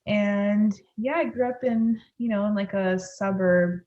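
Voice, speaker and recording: A pediatric dentist from Los Angeles, speaking with a Californian American accent, answers casually as a podcast guest. Her mid-range voice is a little slow with a darkish tone, and the lo-fi audio is slightly dull.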